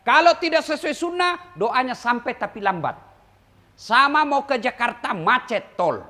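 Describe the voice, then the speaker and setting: A male preacher with a high, very animated voice delivers a lively sermon. He jokes with his listeners and slips into playful imitations of regional speech, his pitch swinging widely. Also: unhurried. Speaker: Islamic preacher. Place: large religious gathering.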